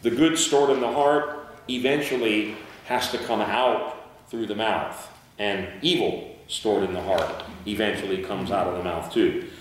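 Pastor guy preaching slow, reads scripture and gets the congregation answering, big echoey church, mic kinda far. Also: fairly low pitch, slight background noise. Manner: reads scripture slowly and asks the congregation to call out words. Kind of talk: sermon. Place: church sanctuary.

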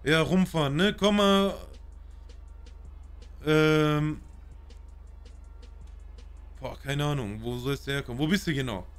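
A man's voice: on the high side, slow, long pauses, clean tone, faint music behind. A man streaming a role-play live, talking in character in a brash, boastful, slangy way.

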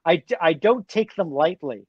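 A man's voice: a little high, animated, moderate pace, highs cut off. A man, a graphic novel author, chatting casually with many restarts and laughs. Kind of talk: casual conversation.

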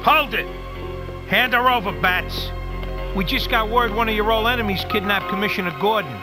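A man voicing an urgent lawman giving orders in an animated video game. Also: high-pitched, normal speed, lightly acted. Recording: old game audio with music.

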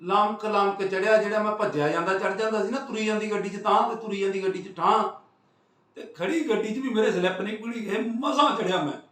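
A man from Punjab in India telling a road story in a casual, animated vlog, acting out what others said and swinging between loud and hushed. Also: high-pitched, fast talker. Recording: roomy sound from a distance.

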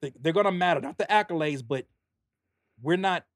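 Man, podcast guest, earnest, animated, slightly high voice, dry room. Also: fairly quick, no room sound. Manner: earnest, animated, pitching his pre-order bundle. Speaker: guest rapper and producer. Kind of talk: casual podcast chat.

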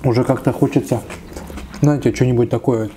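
A man's voice: mid-range voice, fairly even intonation, fairly quick, warm tone, slight background noise. A man in his thirties doing a casual mukbang, chatting between bites with his mouth full. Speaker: mukbang eating-show host. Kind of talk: casual mukbang chat while eating. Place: small indoor room, seated at a table.

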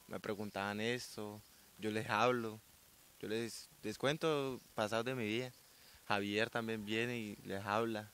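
Soft-spoken Colombian teen athlete. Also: male voice, lowish voice, clear, resonant tone. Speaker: young weightlifter interviewee. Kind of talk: casual interview answers. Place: outdoors by a sports ground. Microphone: handheld reporter mic.

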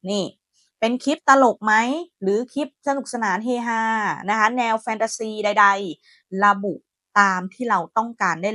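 Chatty woman teaching software. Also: mid-range voice, dry recording, clean studio sound. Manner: friendly, chatty, calls viewers friends. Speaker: AI tutorial host. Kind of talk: screen-recorded software tutorial.

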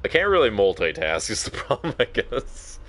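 A man's voice: lowish voice, very animated, normal speed, fairly bright tone. A man streaming a game live, chatting to a viewer in a nervous, profane, casual way. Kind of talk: casual live gameplay commentary.

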